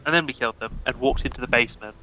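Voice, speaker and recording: Hombre de voz muy brillante, resumiendo una partida de rol con humor seco. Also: male voice, medium pitch, very fast, low-quality recording. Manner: deadpan, profane joking. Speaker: player. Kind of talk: recapping a tabletop session.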